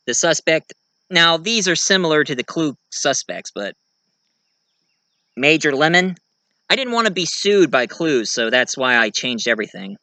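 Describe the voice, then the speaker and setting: A video creator and amateur writer talks casually in a vlog, rambling enthusiastically about his own writing. His voice is fairly high and sing-song with a sharp tone, moving at a moderate pace. The recording has no room sound.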